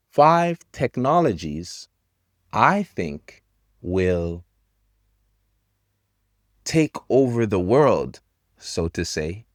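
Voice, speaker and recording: Man, thirties, English teacher, slow simple phrasing, dry close sound. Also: fairly low pitch, dry recording. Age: 30s. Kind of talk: slow English lesson for learners.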